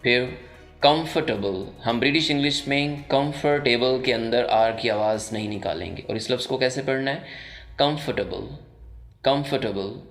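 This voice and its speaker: A man with a Pakistani accent teaching English pronunciation in a voice-over, explaining slowly and repeating each example word several times. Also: medium pitch, a bit bright. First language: Urdu. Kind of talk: pronunciation lesson.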